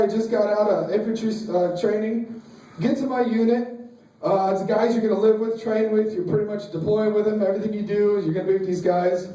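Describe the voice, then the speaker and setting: Young male stand-up, high voice, crude and laughing, echoey room heard from afar. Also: far from the mic. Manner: crude, laughing, animated storytelling. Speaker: stand-up comedian. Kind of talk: stand-up routine. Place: small pizza shop show.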